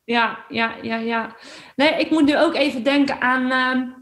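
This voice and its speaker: A woman from the Netherlands hosts a casual podcast interview, talking in a chatty, searching way with plenty of fillers. Her voice sits a touch higher than most. She sounds loose and conversational. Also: fairly even intonation, unhurried, fairly bright tone. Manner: chatty, searching for words, laughs easily. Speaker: podcast host.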